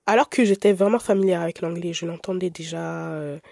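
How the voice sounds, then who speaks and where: A young woman who grew up in Italy, hosting a podcast in a candid, expressive, chatty way with frequent filler words. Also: lowish voice, a little fast, vocal fry, dry recording, studio quality. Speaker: podcast host. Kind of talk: casual podcast monologue.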